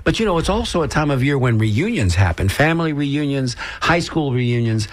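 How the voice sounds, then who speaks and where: A man's voice: medium pitch, very animated, fairly quick. A man in his sixties co-hosts a community radio show. He talks in a folksy, joking manner, trading banter with his partner. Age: 60s. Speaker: radio co-host. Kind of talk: casual community radio chat.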